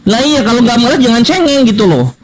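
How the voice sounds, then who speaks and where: A man with a high, lively voice argues in a heated online debate. He taunts and mocks, hammering the same jabs again and again, and he mimics his opponents in a whiny tone. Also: fairly quick, a loud crowd. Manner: taunting, mocking, repeats jabs.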